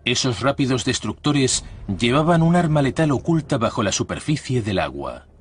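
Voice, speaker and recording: A man giving a scripted documentary voice-over with a measured, formal delivery, recorded on a studio mic. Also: mid-range voice, very animated, a little hiss or hum. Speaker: documentary narrator.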